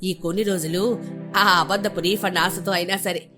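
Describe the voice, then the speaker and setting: A woman voicing a thrifty, sharp-tongued older mother-in-law in an animated family story. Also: lowish voice, normal speed, over music, natural voice. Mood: reflective.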